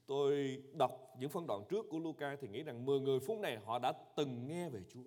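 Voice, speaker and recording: A pastor speaks fast from the pulpit of a church, his emphatic sermon veering from shouted lines to soft, low-voiced ones. The recording carries the echo of a big room.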